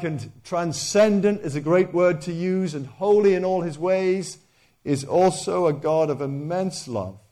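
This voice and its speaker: A man's voice: a little high, a little mellow. A man preaching a sermon, emphatic, repeating key phrases and often restarting his sentences.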